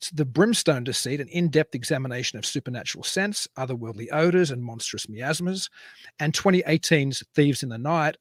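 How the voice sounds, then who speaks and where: A man's voice: medium pitch, slightly rough, no room sound, clean studio sound. A man hosting an online talk show over a video call, introducing a guest in a rambling, self-correcting way. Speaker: podcast host. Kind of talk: casual online show chat.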